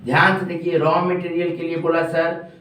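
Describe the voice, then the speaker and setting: A man teaching an online commerce lesson, speaking slowly because he is a little unwell. He keeps asking questions and answering them himself. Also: on the high side, flat delivery, fairly bright tone. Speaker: commerce tutor. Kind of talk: online lecture working through a problem. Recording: very echoey room, distant mic.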